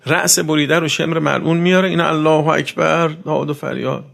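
A man preaching a sermon, swinging between loud emphatic outbursts and soft low passages, and asking his listeners questions directly. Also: fairly even intonation, gravelly. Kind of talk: religious sermon.

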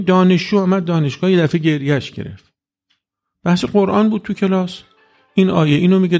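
Gravelly-voiced man giving a lively religious talk. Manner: conversational, acts out quoted dialogue with rising pitch. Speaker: religious lecturer. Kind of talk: informal religious talk to an audience.

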